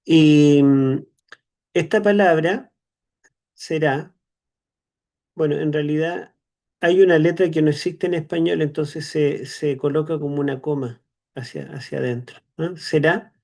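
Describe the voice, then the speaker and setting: A Chilean man teaching a theology class, explaining slowly with many "eh" fillers and tag questions. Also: a little high, fairly even intonation, vocal fry, a little mellow. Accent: Chilean Spanish. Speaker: seminary teacher. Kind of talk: online theology lecture.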